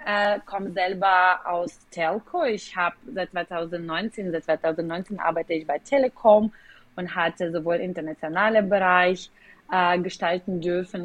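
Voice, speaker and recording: A company executive with a Ukrainian accent is a guest on a podcast interview, explaining things at length in slightly non-native German with some hesitations. Her voice is fairly low in pitch, and the recording is dry.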